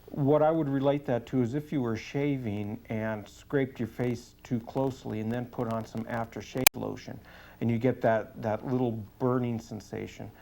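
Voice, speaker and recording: A man speaking as a police sergeant giving a testimonial in an interview, earnest, deliberate and matter-of-fact. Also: mid-range voice, fairly even intonation, creaky, mellow, slight background noise.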